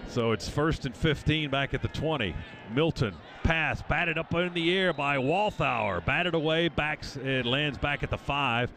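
A man with a fairly high voice gives live radio play-by-play of American football. He talks in clipped, vivid running phrases over clear stadium noise. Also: measured pace, fairly bright tone.

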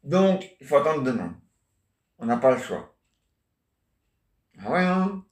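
Slow rambling man in an echoey room. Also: mid-range voice, big pitch swings. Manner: chatty, answers imagined listeners, constant "hein?" and "ah ouais". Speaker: amateur solo stage performer. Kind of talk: rambling improvised comic monologue.

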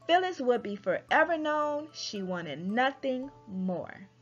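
A woman reads a children's rhyming book aloud at a relaxed, deliberate pace, her slightly high voice rising and falling expressively. Behind her, soft music plays on a dull, lo-fi recording that sounds a little muffled.

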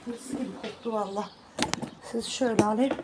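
A woman's voice: a little high, steady tone, brisk. A woman vlogger chatting casually in a running commentary on household chores at home. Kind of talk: casual household vlog chat. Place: home balcony. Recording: echoey, noisy, distant microphone.

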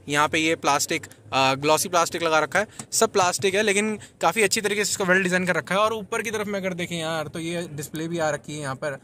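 A man's voice: a little high, slight background noise. A man giving a casual, chatty walkaround of new cars at an auto show, talking straight to his viewers. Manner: chatty, informal, addresses viewers as brother. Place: busy indoor auto expo hall. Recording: loud crowd ambience behind the voice.

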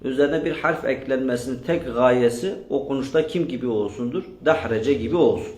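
A man teaches a grammar class, quizzing his students over and over and repeating their answers back to them. His voice sits at a middle pitch. It rings in an echoey room. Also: a little fast, a little mellow. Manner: drills students with repeated questions. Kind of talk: classroom lesson with question and answer.

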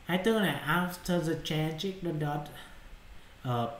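A man's voice: a little high, lively intonation, normal speed, echoey room. A male English teacher explaining exercise answers in Vietnamese, often checking whether students follow. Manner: repeats checking questions to students.

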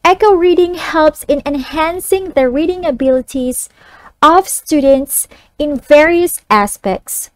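A woman teacher narrating a scripted lesson and reading poems for young children in a deliberate, instructive way. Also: sits high, no echo. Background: music.

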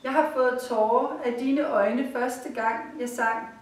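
A woman voicing a gentle, tender little nightingale who speaks softly and soothingly. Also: fairly high pitch, fairly even intonation, natural voice. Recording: roomy, far from the mic.

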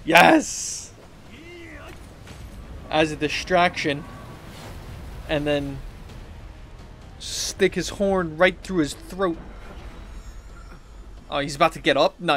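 A man in his thirties sits at a computer indoors doing casual, slangy let's play commentary, reacting and thinking aloud over game music, with slight background noise. His fairly high, slightly bright voice is expressive, and he speaks slowly, leaving long pauses.

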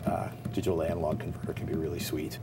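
Here the American tech-show co-host, a man in his forties, has a creaky bass voice and a flat delivery, speaking very fast. He's casually covering tech and reading sponsor messages in an indoor TV studio, with background noise present.

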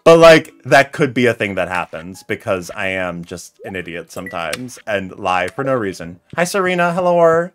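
A young American man with a lowish voice chats on a live stream as he games from a small home room, spinning animated stories and reading chat aloud. He speaks at a moderate pace with hardly any pauses. Faint game music plays behind him.

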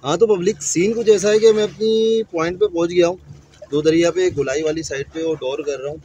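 A man in his thirties with a slightly raised voice chats in a relaxed, casual way. He is outdoors on seaside rocks, and the sound of the water comes through clearly. He takes his time explaining how to bait a hook. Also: fairly high pitch, fairly quick, highs cut off. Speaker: angler vlogger. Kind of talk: casual vlog talk. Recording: noisy seaside ambience.

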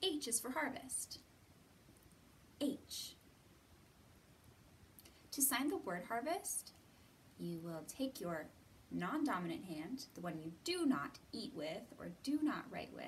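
With a medium-pitched, sing-song voice, this American librarian in her thirties runs a children's storytime slowly, pausing often as she offers simple, encouraging directions. The setting is an indoor library room, and the distant microphone carries background hiss.

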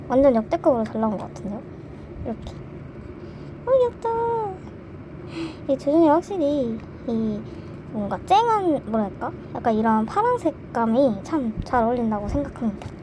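Young woman, high voice, excitable unboxing vlog chatter, noisy background. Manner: excitable, gasping and squealing over merch. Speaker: vlogger.

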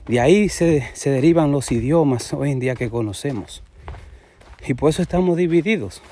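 A man's voice: a little high, mellow. A man from the Dominican Republic with a Cibao accent, giving unscripted religious commentary to camera and rambling from one point to another with frequent restarts. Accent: Dominican, Cibao region.

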